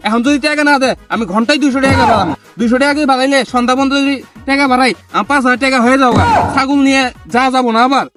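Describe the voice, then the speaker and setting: High voice, fast talking rural bangladeshi guy, greedy moneylender, bit of music behind. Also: steady tone. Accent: rural Bangladeshi Bengali dialect. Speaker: village moneylender in a comedy skit. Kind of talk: rural comedy skit acting.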